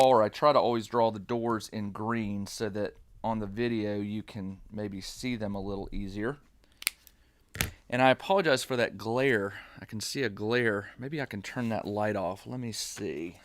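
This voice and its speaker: A man's voice: medium pitch, no echo. A middle-aged man casually narrating a solo tabletop dungeon game, explaining each dice roll step by step in a chatty way. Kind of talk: casual play-through narration. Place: home gaming room with motion sensor lights.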